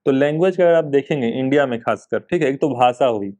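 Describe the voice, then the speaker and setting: A man with a warm, mid-range voice teaches an exam coaching class at a fast pace. He speaks in casual Hindi mixed with English terms, keeping it conversational and frequently repeating himself and using fillers.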